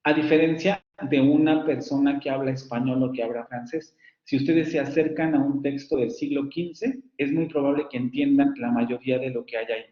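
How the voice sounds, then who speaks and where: A man's voice: mid-range voice, fairly even intonation, moderate pace, hardly any pauses, mellow. A man teaching a university phonetics class in a recorded online lecture, explaining at length and modeling sample words aloud. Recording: roomy, dull lo-fi sound.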